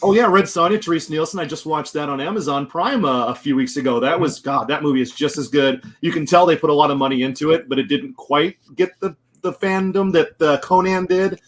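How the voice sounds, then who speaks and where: Man, casual chat, rambling, slightly high voice, comic shop owner. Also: brisk, few pauses. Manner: chatty, rambling, laughs often.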